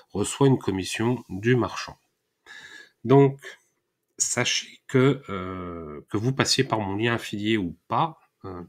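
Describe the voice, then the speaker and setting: Hesitant French-speaking man, low voice. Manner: hesitant, many "euh" fillers and restarts. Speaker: WordPress tutorial host. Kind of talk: casual screen-recorded tutorial.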